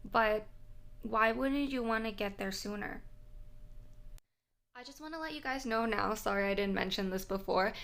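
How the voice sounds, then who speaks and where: A young Thai woman, a native Thai speaker and vlogger, talks casually to camera in English, chatty and full of fillers and laughs. Her fairly high, fairly bright voice has vocal fry, a moderate pace and long pauses.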